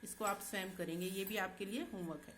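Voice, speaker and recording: A woman teacher going through textbook exercises with students in a slow, patient way, often checking in as she goes. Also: mid-range voice, steady tone, fairly bright tone, slight background noise. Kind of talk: Hindi textbook exercise lesson.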